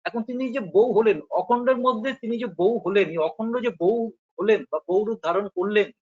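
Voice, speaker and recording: A man's voice: sits high, fairly quick, slightly rough. A man with a Bengali accent explaining spiritual ideas in a philosophical discussion, patiently and with rhetorical questions. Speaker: spiritual teacher. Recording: dull lo-fi recording.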